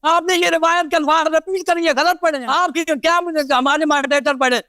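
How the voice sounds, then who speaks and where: High bright man in a heated debate. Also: fairly even intonation, no room sound, clean studio sound. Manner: insistent, interrupts often. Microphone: video call.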